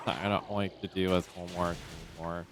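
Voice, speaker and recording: A young man in a relaxed, rambling style, commenting casually as he streams a game and talking to himself with many fillers. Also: low-pitched, moderate pace, faint music behind.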